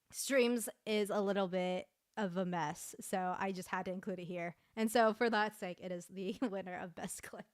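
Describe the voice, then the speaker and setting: A woman's voice: medium pitch, sharp tone, smooth. A woman streamer giving casual, chatty commentary at a year-end awards stream, laughing often.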